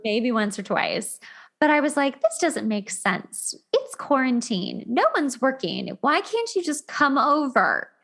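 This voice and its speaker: A woman with a high, a bit bright voice hosts a casual relationship advice podcast, very animated yet a little slow. She tells anecdotes emphatically, repeating words and acting out imagined reactions.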